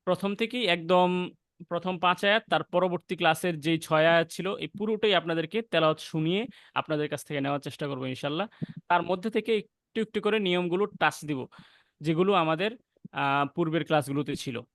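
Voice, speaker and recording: Young Bangladeshi man, high voice, dry close sound, patient recitation teacher who demonstrates letter sounds. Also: fairly bright tone, no echo. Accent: Bangladeshi Bengali. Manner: explains patiently, then recites verses slowly and drawn out. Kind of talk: online class lesson with slow recitation.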